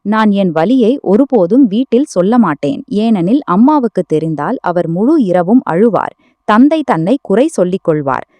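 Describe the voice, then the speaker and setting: A woman's voice: medium pitch, warm tone, dry recording. A woman reading an emotional family story aloud as a first-person narrator.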